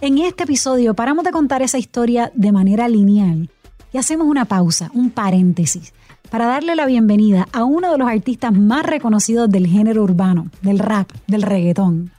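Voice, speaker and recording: A Puerto Rican woman hosting a podcast, giving scripted narration in a measured, clear way and interviewing a guest. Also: fairly high pitch, expressive, mellow, no echo. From Puerto Rico. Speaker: podcast host and journalist.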